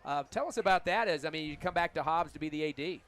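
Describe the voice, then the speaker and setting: A man's voice: fairly high pitch, fast talker, a bit bright. A man hosting a halftime broadcast interview from a stadium press box, chatty and folksy, joking with his guest. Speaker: radio sports broadcaster.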